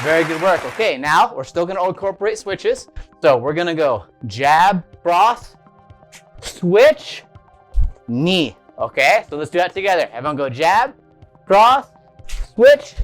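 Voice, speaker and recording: High-pitched, energetic man calling out kids' drills. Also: moderate pace, soft background music, a faint crowd. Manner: encouraging, energetic, frequent short praise; calls out counts and commands loudly for a group to repeat. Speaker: martial arts instructor for children. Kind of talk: upbeat kids' fitness lesson with call-outs.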